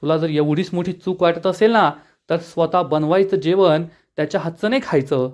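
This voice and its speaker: A man's voice: on the high side, normal speed, darkish tone, close to an everyday voice. A man quoting a mocking, stubborn village brother. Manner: mocking, sarcastic.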